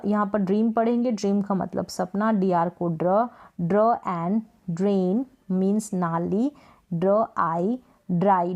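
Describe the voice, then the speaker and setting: A woman with a mellow, warm voice teaches English pronunciation. She sounds out each word slowly, repeats it and gives its meaning, in a patient and repetitive classroom manner. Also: medium pitch, creaky, dull audio. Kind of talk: explaining pronunciation rules.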